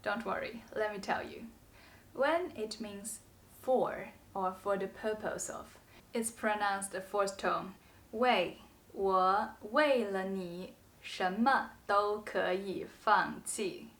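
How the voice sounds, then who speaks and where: A woman with a Mandarin Chinese accent teaching a scripted language lesson. She speaks slowly and carefully and says each example sentence twice. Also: medium pitch, a bit bright.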